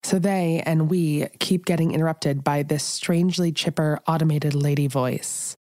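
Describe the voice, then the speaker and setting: Female podcast narrator, low voice, dry close recording, measured and serious. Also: steady tone, a little mellow, no echo. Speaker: podcast host. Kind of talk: scripted narration.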